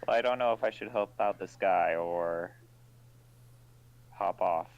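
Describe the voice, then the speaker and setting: A man's voice: low voice, a little slow, highs cut off. A man chatting casually and hesitantly as a player in a tabletop game.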